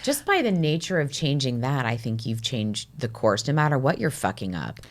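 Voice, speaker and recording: A woman's voice: rumbling low, very animated, moderate pace. A woman in her forties hosting a podcast, asking questions in a casual, swearing, chatty way. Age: 40s. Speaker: podcast host. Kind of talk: casual interview chat.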